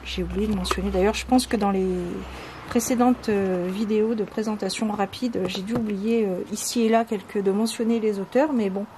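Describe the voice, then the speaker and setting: A woman chats casually about her card decks, stopping and restarting her sentences often. Her voice sits at an ordinary middle pitch. A clear layer of background noise runs under the whole recording. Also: normal speed. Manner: hesitant, many fillers and restarts; reads card texts in a soft, calm tone. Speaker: channel host presenting oracle cards. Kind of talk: casual chat.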